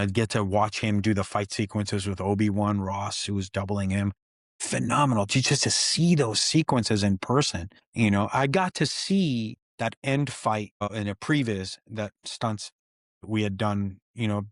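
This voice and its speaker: A man, a stuntman guest, telling set stories in an excited, animated way and acting out quoted dialogue. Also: lowish voice, moderate pace, dry recording, studio quality. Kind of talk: animated storytelling interview.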